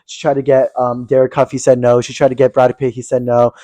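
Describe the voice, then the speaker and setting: This is a young man co-hosting a podcast, his voice medium in pitch, level, warm, and quick, with no echo. His casual chat is gossipy, and he says "like" constantly.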